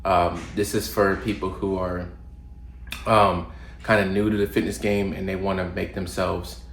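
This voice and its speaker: A young fitness vlogger with a low voice and a drawl gives casual advice straight to camera at an unhurried pace. He's congested from a recent cold, and he stays relaxed and loose, full of ums, fillers and false starts. It's a roomy home recording with echo and a faint hum in the background.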